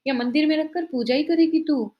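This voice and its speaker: A woman voicing a suspicious, sharp-tongued older mother-in-law who scolds her daughters-in-law. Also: sits high, brisk, lo-fi sound, voice pushed up, lightly acted. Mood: scolding. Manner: scolding, accusing.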